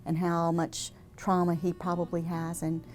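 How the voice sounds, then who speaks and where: A woman speaking earnestly and in a measured way in a documentary interview. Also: lowish voice, completely flat delivery, darkish tone, faint music behind.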